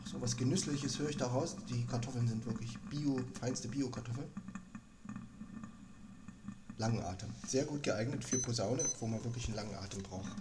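A man teaching music in a relaxed lesson. He explains rhythm calmly, counts the beats out loud, and drops to a whisper on the light beats. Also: mid-range voice, noisy background. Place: recorded at home and outdoors on location.

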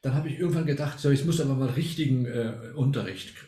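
A man's voice: medium pitch, fast, mellow, reverberant. An older man from Argentina, a retired music professor, telling a story at length as an interview guest, with frequent hesitation fillers. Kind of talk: casual interview.

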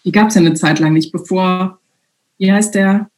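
A woman guest from Germany, speaking in a relaxed, hesitant way with many fillers in a casual conversation. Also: fairly low pitch, moderate pace, a little hiss or hum.

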